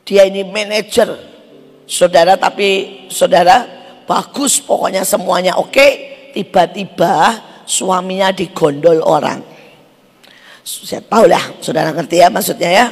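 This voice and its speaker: A woman evangelist giving a fiery sermon, forceful and bursting into shouts. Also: mid-range voice, unhurried, creaky, husky, big-room sound. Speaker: evangelist preacher.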